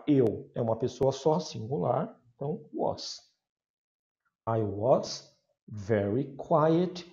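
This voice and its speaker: Man, Brazilian Portuguese accent, English teacher, patient explainer, warm voice, muffled lo-fi recording. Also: fairly high pitch. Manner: patient step-by-step explaining, slow modeled English examples. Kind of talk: recorded class lesson. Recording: dull lo-fi recording.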